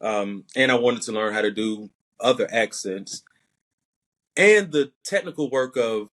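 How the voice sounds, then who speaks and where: A young actor from Alabama, speaking with a light Southern accent, answers podcast interview questions thoughtfully and methodically. His medium-pitched voice is unhurried and a bit bright.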